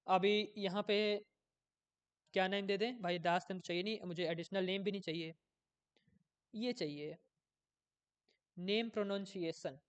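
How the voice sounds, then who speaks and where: A man's voice: high-pitched, measured pace, pauses often, smooth. A man giving a casual coding tutorial, thinking aloud as he works, often losing his place and checking in with viewers.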